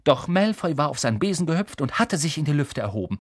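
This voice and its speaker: Man, audiobook narration, animated, lively pitch, dry close sound. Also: fast talker, breathy edge, no echo. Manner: animated storytelling. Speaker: audiobook reader. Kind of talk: scripted narration.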